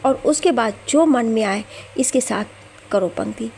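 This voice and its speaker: A woman voicing an angry young husband who shouts bitter accusations at his wife. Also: a little high, fast, vocal fry, a little hiss or hum.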